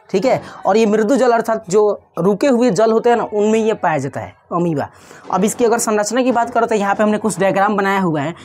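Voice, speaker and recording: A woman's voice: mid-range voice, a little mellow. Woman, science teacher, conversational lecture, rhetorical questions, frequent check-ins. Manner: conversational, poses and answers its own questions, checks in with "ठीक है" often. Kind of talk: explanatory online class lecture.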